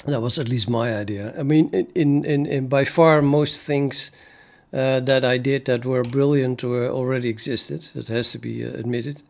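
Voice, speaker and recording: Streaming his coding, a man from the Netherlands talks casually in Dutch-accented speech, working things out aloud amid many fillers and false starts. His voice is mid-range, creaky and a little mellow, with fairly even intonation at a moderate pace.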